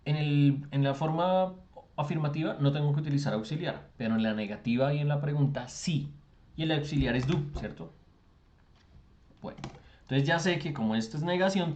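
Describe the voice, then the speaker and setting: A man's voice: fairly high pitch, a little mellow, highs cut off. A man, teaching an online class and explaining with lots of rhetorical questions. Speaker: English tutor. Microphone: video call.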